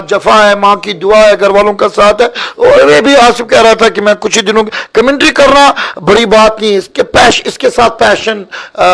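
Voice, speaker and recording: High-voiced chatty male cricket commentator. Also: vocal fry, a bit bright, poor audio. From Kashmir. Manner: chatty, emphatic, pleading with the team. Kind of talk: live cricket commentary, reading viewer comments.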